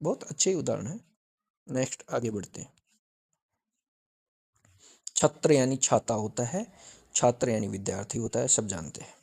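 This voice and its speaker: A man's voice: medium pitch, normal speed, creaky, long pauses, darkish tone, slightly rough. A male teacher giving an exam-prep grammar lesson, repeating each point and asking questions that he answers himself. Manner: repetitive, drilling with question-and-answer.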